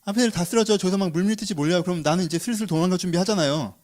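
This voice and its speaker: A man's voice: high-pitched, very fast, darkish tone. A man preaching a sermon, constantly asking his listeners questions and answering them himself. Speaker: pastor.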